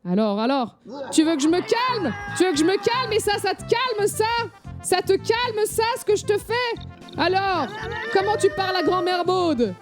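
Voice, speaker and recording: A woman's voice: medium pitch, lively intonation, takes it slowly, long pauses, over music. A woman voicing a feisty, bossy old grandmother who scolds and demands respect, in an improvised game role-play. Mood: indignant.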